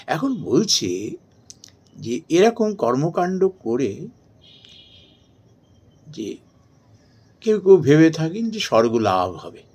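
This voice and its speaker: A man giving a slow, measured devotional talk and chanting verses. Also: on the high side, sing-song, a little mellow, slightly rough. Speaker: spiritual speaker.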